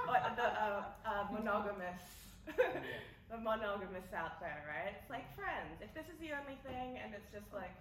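A giggly Australian woman stumbles through her point with fillers and laughs. She sits some way from the mic in an echoey hall with clear ambient noise. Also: mid-range voice, animated, a bit bright, far from the mic. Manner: giggly, halting, many fillers. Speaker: podcast panelist. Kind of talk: live panel banter.

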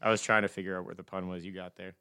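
A man's voice: sits low, little pitch movement, racing, vocal fry, pushed and bright, clear, resonant tone, no room sound, studio quality. A man co-hosting a podcast, sarcastic and swearing in casual banter. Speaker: podcast co-host. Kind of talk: casual chat.

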